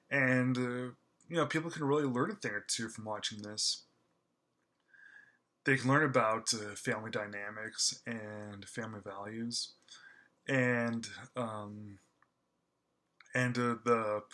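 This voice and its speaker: Casually reviewing a movie, this man speaks in a mid-range voice that is pushed and bright. He stammers and gushes in equal measure, trailing fillers and starting over repeatedly.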